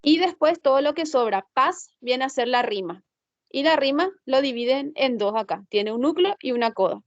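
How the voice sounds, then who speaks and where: High-voiced woman teaching a class. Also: expressive, normal speed, no room sound, lo-fi sound. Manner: checks understanding with frequent tag questions; thinks aloud while fumbling with slides. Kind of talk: online class explanation.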